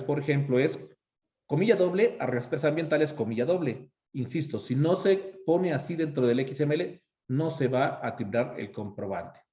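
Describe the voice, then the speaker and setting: A man's voice: mid-range voice, warm tone. A man with a Mexican accent teaching an online course, explaining conversationally and often checking in with "ok?". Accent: Mexican Spanish. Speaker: course instructor. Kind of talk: explanatory tutorial lecture. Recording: echoey room, slightly dull lo-fi sound.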